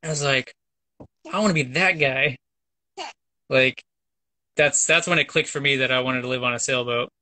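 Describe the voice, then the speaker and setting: A man's voice: medium pitch, moderate pace, long pauses, bright, forceful tone. A man in his thirties, a guest on a casual interview, telling a story in an easygoing, rambling way. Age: 30s. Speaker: sailing vlogger guest. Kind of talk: casual chat.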